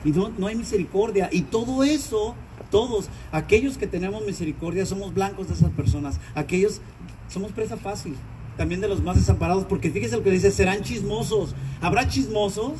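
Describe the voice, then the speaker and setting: A pastor preaching a sermon with animated delivery, acting out cries and voices of the people he describes. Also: high voice, a little fast. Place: church. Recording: distant mic with clear background noise.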